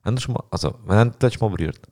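Swiss german co-host, thirties, gravelly voice pitched a bit low, ribs his mates. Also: lively intonation, very fast, mellow. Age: 30s. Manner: teasing, pushy banter. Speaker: podcast co-host. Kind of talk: casual chat.

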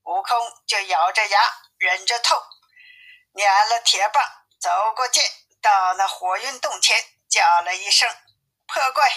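A woman storyteller reading a classic tale aloud in a lively, expressive way. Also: mid-range voice, measured pace, rough recording.

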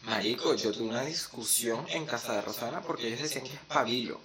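A man's voice: mid-range voice, quick pace, crowd noise. Chatty Venezuelan guy telling stories. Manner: animated storytelling with slangy asides. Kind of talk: casual chat.

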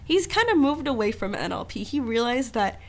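A young woman co-hosting a podcast, chatting casually, animated and laughing often. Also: a little high, brisk. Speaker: podcast co-host.

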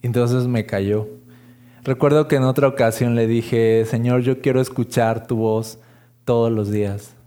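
A man preaching a sermon in a conversational way, slowing down for the lines he quotes. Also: mid-range voice, steady tone, mellow.

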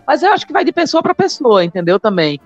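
A woman's voice: high-pitched, big pitch swings, fast talker, dry recording, highs cut off, faint music behind. A woman from Maceió with a Northeastern Brazilian accent, a stand-up comedian telling stories in a frank, self-mocking way in a casual interview.

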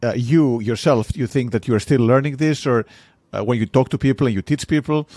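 A man hosting an interview, asking questions in a measured, thoughtful way with pauses. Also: medium pitch, darkish tone, no echo. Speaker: podcast host.

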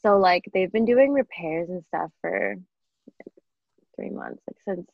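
A woman, a podcast guest with a husky just-woken-up voice, laughing and self-mocking. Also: on the low side, expressive, measured pace, dry recording, phone-quality sound. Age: 20s. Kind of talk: casual chat.

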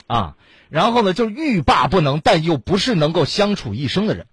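Husky man giving blunt advice. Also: fairly high pitch, big pitch swings, fairly quick, fairly bright tone, dry recording. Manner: blunt, lecturing, rhetorical questions. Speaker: radio advice host. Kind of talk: call-in advice talk.

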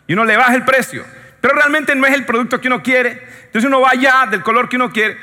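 A Latin American man preaches with a very high, piercingly bright voice. He tells jokey stories and keeps checking in with his congregation. His voice rings out in a long hall reverb. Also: fast. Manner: joking, animated storytelling, often asks the audience "yes or no". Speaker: pastor. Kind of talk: sermon.

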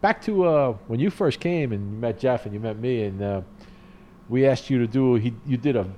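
Man, barber, mellow warm voice, earnest and halting, faint background noise. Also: mid-range voice, animated. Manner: earnest, halting, many restarts. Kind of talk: casual chat.

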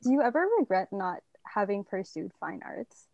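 A woman's voice: medium pitch, animated, moderate pace, gravelly, darkish tone, dry recording, muffled recording. A young woman hosting a casual podcast over a video call, upbeat and chatty. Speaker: podcast host.

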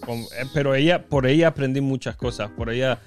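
A man's voice: medium pitch, brisk, faint music behind. A young man, co-hosting a casual podcast chat and telling stories that keep restarting and correcting themselves. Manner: rambling, self-correcting storyteller. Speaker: podcast co-host.

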